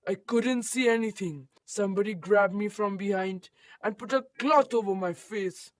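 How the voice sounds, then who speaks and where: A woman's voice: medium pitch, normal speed, no room sound, lightly acted. A woman playing a shaken night watchman. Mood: shaken recounting. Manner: careful, plain storytelling. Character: shaken male night watchman telling his story.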